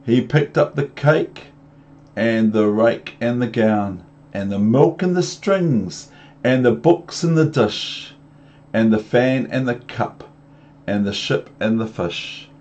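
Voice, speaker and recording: Reading a picture book aloud for young children, a New Zealand man keeps things rhythmic and repetitive, adding chatty asides and questions in a tone that talks down to them. His medium-pitched voice is animated and a little mellow, and he takes it slowly. Background noise runs through the muffled lo-fi home recording.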